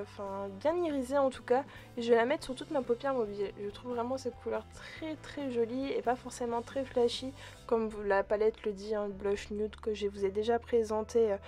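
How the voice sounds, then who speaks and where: Chatty woman with a higher voice. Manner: chatty, relaxed, frequent hesitations; addresses viewers directly as friends. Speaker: beauty vlogger. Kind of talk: casual makeup tutorial narration.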